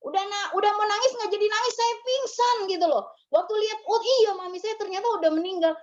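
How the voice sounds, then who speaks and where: Woman, pastor, memorial sermon, high-pitched, casual tags on every phrase, muffled lo-fi sound. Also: fast. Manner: conversational, tags phrases with ya and gitu.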